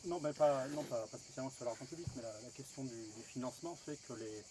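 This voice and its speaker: Hesitant French interviewer with background noise. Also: male voice, mid-range voice, fast. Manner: hesitant, many fillers and false starts. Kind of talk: interview questions, conversational.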